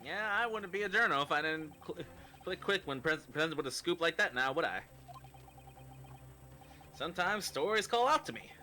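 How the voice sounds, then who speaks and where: A man voicing a fast-talking, brash newspaper reporter in an attempted old-timey Brooklyn accent. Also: fairly high pitch, expressive, bright, forceful tone, a little hiss or hum.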